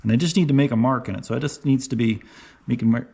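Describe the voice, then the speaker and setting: A man casually narrating his car fabrication work as he goes, thinking out loud and often checking in with "right?". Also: mid-range voice, quick pace, vocal fry. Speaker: car restoration vlogger. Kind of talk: casual how-to narration while working.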